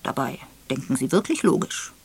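A woman's voice: a bass voice, expressive, breathy edge, voice pushed down, heavily acted. Fields: a woman doing a brusque old rich man. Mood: impatient. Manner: brusque, loud and quick. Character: gruff impatient rich old invalid man.

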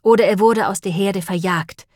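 A woman reading an audiobook and voicing a clever, thoughtful female sheep who reasons in a calm, deliberate way. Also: mid-range voice, dry recording, studio quality, natural voice. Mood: thoughtful reasoning.

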